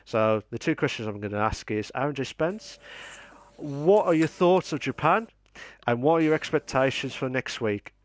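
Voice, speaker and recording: A man with an English Midlands accent conducts a casual post-race interview. He is chatty and informal, tends to repeat his phrases, and speaks at an average male pitch. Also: lively intonation, moderate pace.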